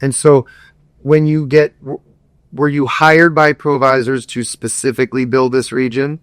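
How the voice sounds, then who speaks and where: A man hosting a podcast, interviewing a guest in an enthusiastic way, with quick bursts of talk. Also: medium pitch, level tone, clear, resonant tone, dry recording, studio quality. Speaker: podcast host, attorney. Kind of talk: interview conversation.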